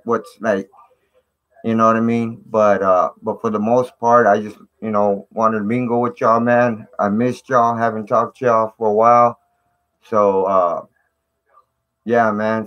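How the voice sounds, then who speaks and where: Male live-streamer, lowish voice, slangy and informal, greeting his chat over fuzzy, distorted computer audio. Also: a bit bright, dull audio. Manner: slangy, repeats "man" and "you know".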